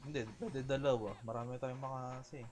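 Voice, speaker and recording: A man's voice: mid-range voice, steady tone, fairly quick, darkish tone. A man in a casual gaming voice chat, making short callouts and laughing comments.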